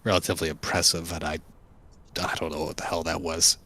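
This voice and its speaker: A man's voice: low-pitched, little pitch movement, a little fast, pushed and bright, no room sound. A man chatting casually as a player in a tabletop game.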